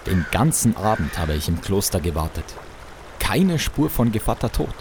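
An actor playing a courteous, world-weary knight with a dry, measured manner in an audio drama. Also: male voice, low-pitched, very animated, noisy background. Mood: disgruntled, dry. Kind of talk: scripted audio drama acting.

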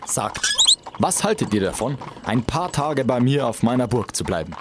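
An actor playing a courteous, world-weary knight with a dry, measured manner in an audio drama. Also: male voice, medium pitch, very animated, heavy background noise, lightly acted. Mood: courteous, inviting. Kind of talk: scripted audio drama acting.

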